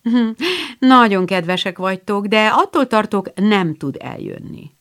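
A woman's voice: medium pitch, lively intonation, a bit bright, voice pushed up. Shy but playful teen girl, voiced lightly by a woman narrator; keep it composed. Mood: teasing. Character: proper teenage girl, shy yet teasing.

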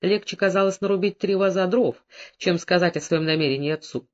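A narrator reads a novel aloud in a steady, even storytelling manner. The recording is dull and lo-fi, with a medium-pitched voice. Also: brisk. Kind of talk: scripted audiobook narration.

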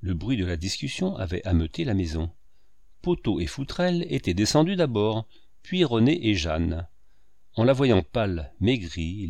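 Guy reading a novel aloud, steady and measured, dry close mic. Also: lowish voice, dry recording. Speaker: narrator. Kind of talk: audiobook narration.

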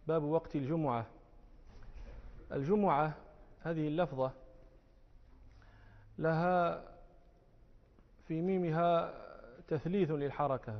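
A man teaching a classical religious text, explaining words and slowly repeating them for emphasis. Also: fairly high pitch. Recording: muffled audio with long hall echo.

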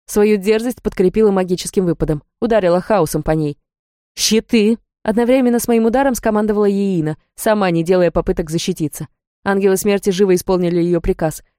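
A woman narrating a first-person story in a steady, even storytelling manner. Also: mid-range voice, quick pace, no room sound, studio quality. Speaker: audiobook narrator.

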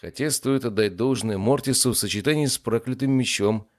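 A man narrating a fantasy story in a calm, even storytelling manner. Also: medium pitch, fairly quick, dry recording, studio quality. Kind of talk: audiobook narration.

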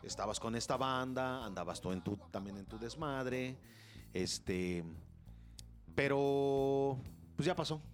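A young man with a Mexican Spanish accent hosting a radio show, telling a story in casual, crude and animated slang and acting out the voices of the people in it. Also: mid-range voice, slow, faint music behind.

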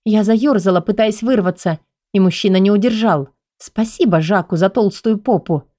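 A woman narrating a first-person audiobook in a lively, playful storytelling manner. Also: mid-range voice, moderate pace, dry recording, studio quality.

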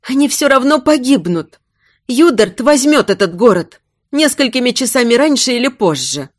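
A desperate young queen, as a woman reader puts her on, pleading in a raised voice that sounds close to tears. Her pitch leaps about, and the sound is dry and close to the mic. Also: very animated, moderate pace, no room sound. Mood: frantic.

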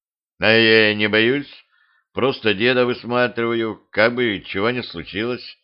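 A man voicing a gruff, blunt middle-aged cemetery watchman in a homemade audiobook. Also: on the low side, fairly even intonation, unhurried, dull audio, natural voice.

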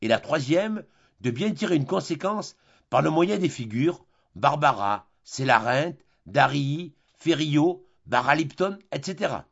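A pedantic, long-winded philosophy tutor, as a male reader puts him on, listing terms one by one in a didactic tone. His voice is gravelly and a little high, with lively pitch. The audiobook recording is dull and lo-fi. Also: measured pace, full character voice. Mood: lecturing. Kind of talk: audiobook reading of a classic play.

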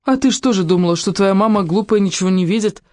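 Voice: mid-range voice, fast talker, darkish tone, dry recording, voice pushed up, natural voice. An audiobook reader voicing a cheerful, shrewd mother who talks in a playful, knowing way. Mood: teasing. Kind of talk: audiobook character reading.

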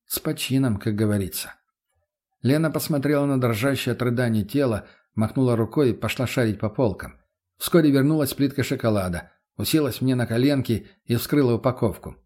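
A man narrating an audiobook in the first person, gruff, blunt and deadpan. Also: mid-range voice.

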